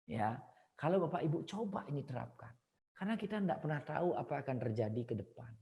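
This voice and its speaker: Woman seminar trainer, very lively pitch, reverberant hall, playful. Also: fast talker. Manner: animated, acts out sample dialogues, laughs often.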